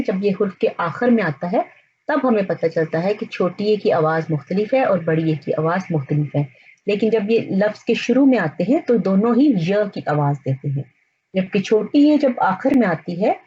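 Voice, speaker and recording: A woman teaching the alphabet, naming each letter and its sound slowly and deliberately. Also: mid-range voice, mellow, lo-fi sound. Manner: slow, deliberate, spells out letters and sounds one by one. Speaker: language teacher. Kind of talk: slow alphabet lesson.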